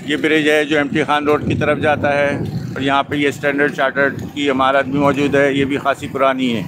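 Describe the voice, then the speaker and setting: A man's voice: mid-range voice, fairly quick. Man narrating a motorbike tour in speech. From Pakistan. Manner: steady guided-tour commentary, naming buildings. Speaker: vlogger. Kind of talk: moto vlog tour narration. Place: outdoors on a motorbike on a city road. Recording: loud wind and traffic noise.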